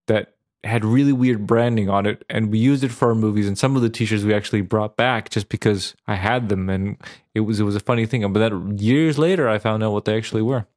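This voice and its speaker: A man's voice: on the low side, brisk, few pauses, darkish tone. A man from Serbia, co-hosting a podcast in casual chat, rambling loosely and laughing often. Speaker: podcast co-host.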